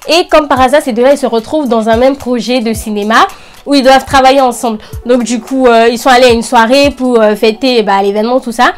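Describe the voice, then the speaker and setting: Chatty, enthusiastic young woman, higher-pitched voice. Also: brisk, faint music behind. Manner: chatty, enthusiastic anime fan; informal youth slang. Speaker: anime review channel host. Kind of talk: casual video recommendations to camera.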